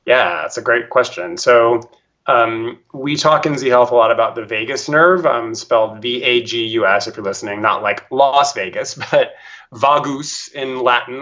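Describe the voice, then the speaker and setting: A man's voice: medium pitch, fairly bright tone. Lo-fi teacherly man explaining. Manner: careful, teacherly, demonstrates voice techniques aloud. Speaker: voice teacher and guest. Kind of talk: explanatory interview answer.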